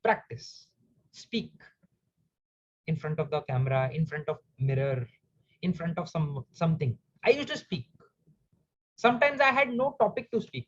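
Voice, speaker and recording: A man shares a personal story in a live Q&A, earnest and emotional as he talks straight to his listeners. His voice sits a little high and sounds husky. The recording is muffled and lo-fi. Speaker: speaker and coach.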